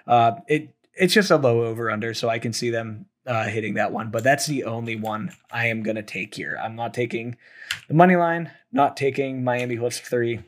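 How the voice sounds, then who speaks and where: A man's voice: mid-range voice, normal speed. A young man hosting a solo sports betting podcast, thinking aloud with fillers and restarts, his voice worn from talking. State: losing his voice.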